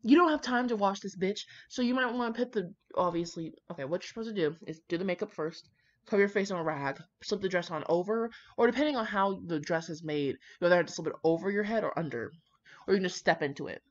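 Speaking fast at a medium pitch, this woman reads fan fiction in an offhand manner while rambling on with crude, brash commentary. The recording is homemade and a little dull, with a lo-fi feel.

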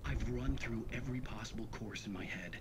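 An actor voicing a haunted male writer hero, giving measured inner-monologue narration in a video game. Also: on the low side, very noisy, close to an everyday voice. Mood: grim resolve.

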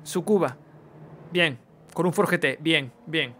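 A man's voice: fairly high pitch, slow pace, a bit bright, slight background noise. Chatty streamer man. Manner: chatty, swears casually, reads chat aloud. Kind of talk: casual live gameplay chat.

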